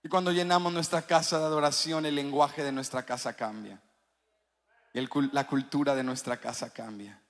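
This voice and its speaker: A male pastor preaching a sermon, rising to sung, shouted climaxes and dropping to quiet passages. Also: fairly even intonation, moderate pace. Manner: preaching that swells into sung, shouted climaxes, then drops low. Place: large church hall. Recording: long church reverb.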